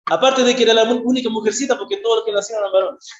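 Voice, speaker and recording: High-voiced male preacher in an echoey church. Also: steady tone, rapid-fire. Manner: conversational, asks the congregation frequent rhetorical questions; earnest and explanatory, repeats key phrases. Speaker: missionary preacher. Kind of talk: sermon. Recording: echoey, dull lo-fi church recording.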